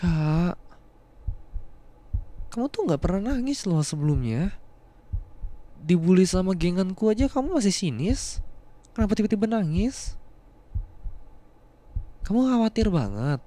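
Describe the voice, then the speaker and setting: A young man voicing a younger male student, a rough former bully who has become a protective boyfriend, in an ASMR role-play. He repeats short words again and again to coax and calm. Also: high-pitched, unhurried, long pauses. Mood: soothing. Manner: repeats words to soothe, coaxing and reassuring. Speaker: voice actor.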